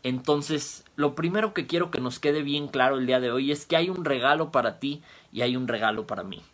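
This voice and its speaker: A man's voice: mid-range voice, fairly quick, a bit bright. A man giving a sermon, explaining Bible word roots step by step and repeating key phrases. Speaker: preacher. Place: home, via online stream.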